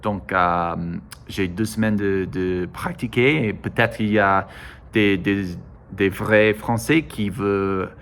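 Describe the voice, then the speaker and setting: A low-pitched American man vlogs casually in broken French as a native English speaker. His delivery is slow and halting, full of hesitations, repeated starts and self-corrections. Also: steady tone, fairly bright tone, slight background noise. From United States. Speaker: vlogger. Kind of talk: casual monologue to camera.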